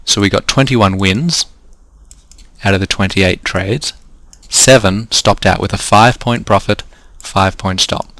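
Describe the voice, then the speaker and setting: In this screen-recorded trading lesson, an Australian man coaches step by step through the figures while gradually losing his voice. He speaks at a measured pace in a fairly low, slightly bright voice, captured dry.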